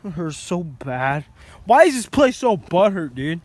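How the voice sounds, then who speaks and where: Young excitable friend on a beach, bouncy intonation, sliding into a country drawl. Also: mid-range voice, measured pace, a little hiss or hum. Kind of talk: casual vlog chat. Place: outdoors on a beach.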